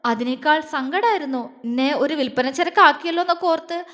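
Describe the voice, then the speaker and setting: Woman doing a young wife, tearful, heartfelt, high voice, hall reverb. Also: brisk, fairly bright tone.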